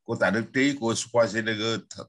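A man's voice: fairly low pitch, brisk, a bit bright. A man hosting a casual political talk, emphatic and asking himself questions he then answers. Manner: emphatic, asks and answers his own questions.

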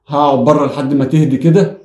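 A man's voice: fairly high pitch, fairly even intonation, fast talker, dark tone, echoey room. A man with an Egyptian Arabic accent, pleading with his wife in a prank vlog, swearing oaths and stumbling over his words. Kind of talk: emotional pleading, then casual joking.

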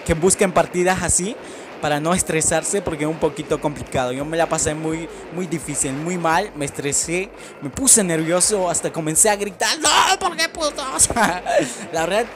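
A young man giving casual commentary over his mobile shooter gameplay, chatting to his viewers and bursting into shouts and laughs. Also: fairly high pitch, background noise. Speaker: gaming channel host. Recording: loud game music behind voice.

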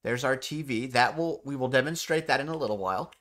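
A man's voice: medium pitch, quick pace, fairly bright tone. A man demonstrating a game in an instructional tutorial style, explaining controls step by step and repeating key points. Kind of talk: step-by-step gameplay tutorial narration.

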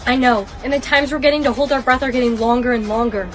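A woman's voice: on the high side, fast talker, music in the background. A woman acting out a comedy skit with an earnest, pleading delivery.

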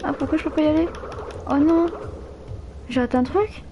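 A nineteen-year-old woman streams a game live, teasing and bantering with viewers and getting easily flustered. Her voice sits high at a moderate pace, with the highs cut off and a noisy background.

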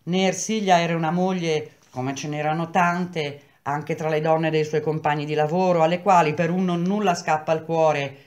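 Calm woman reading a novel aloud. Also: sits low, normal speed, few pauses. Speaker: reader of a novel.

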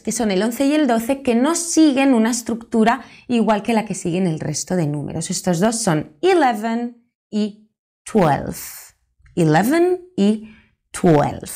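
A young woman with a Spanish accent from Spain gives a chatty YouTube English lesson, stretching out her example words. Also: a little high. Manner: lively, chatty, drawn-out model words. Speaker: English teacher.

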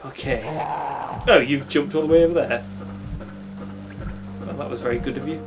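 A man's voice: medium pitch, moderate pace. A man in his thirties giving casual, jokey playthrough commentary, often talking to the game's characters. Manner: animated, jokey, talks to game characters. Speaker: gaming video host. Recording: game music behind voice.

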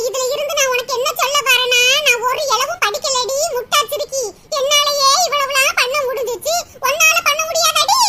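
A woman's voice: very high-pitched, sharp tone. A woman voicing an older village mother in a cartoon who lectures and scolds her daughter at length. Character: chatty older village mother giving advice. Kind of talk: cartoon voice acting. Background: music.

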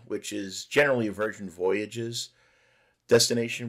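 A middle-aged man giving a relaxed, conversational voice-over narration for a cruise ship tour vlog. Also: on the low side, creaky. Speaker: travel vlogger.

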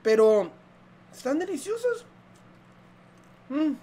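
A young man with a Mexican accent tries food on camera, chatting casually between bites. His talk is jokey, full of slang and swearing, with small chewing hums in the pauses. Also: very high-pitched, sing-song, mellow. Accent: Mexican Spanish. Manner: joking, slangy and profane, chews between lines. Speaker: food reviewer. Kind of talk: casual eating review vlog.

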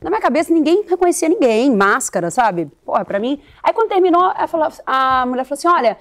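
A Brazilian woman guest on a talk show shares a personal anecdote in a lively, expressive way. Her voice is high and rises and falls widely. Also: fast talker. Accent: Brazilian Portuguese. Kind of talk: comic storytelling on a talk show.

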